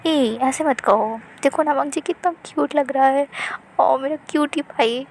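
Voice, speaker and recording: A doting young mother, as a woman puts her on, cooing fondly in a fairly high, soft voice. Her tone is sweet and indulgent, with faint background noise. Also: measured pace. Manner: cooing, fond.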